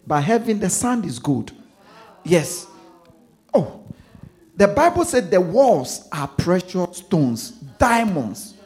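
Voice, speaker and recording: Ghanaian pastor guy preaching, kinda high voice, goes up and down a lot, repeats stuff, quiet then loud. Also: sing-song, slow, long pauses. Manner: preaching with repetition, swinging from hushed asides to loud emphasis. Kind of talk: sermon.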